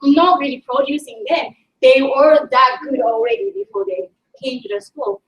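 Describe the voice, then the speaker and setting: A middle-aged native Japanese woman with a Japanese accent gives an informal conference presentation as a linguistics teacher, often searching for words. Her voice sits high at a normal speed, with the highs cut off. The mic is distant in an echoey room with faint noise.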